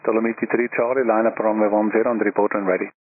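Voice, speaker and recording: Male tower controller rattling off clipped instructions super fast, tinny radio. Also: fairly low pitch, flat delivery. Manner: clipped, procedural delivery. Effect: aviation radio. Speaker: air traffic controller. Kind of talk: air traffic control instructions over radio. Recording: tinny narrowband radio, faint static.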